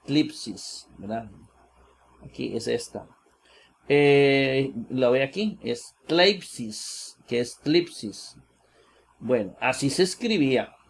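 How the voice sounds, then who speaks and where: A man's voice: medium pitch, vocal fry. A man teaching a lecture, searching aloud as he goes, often using filler sounds, correcting himself and ending sentences with a checking question. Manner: unhurried, searching aloud, tags sentences with "¿verdad?"; frequent "eh" fillers and self-corrections. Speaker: biblical exegesis teacher. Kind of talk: slow screen-share lecture on Greek manuscripts.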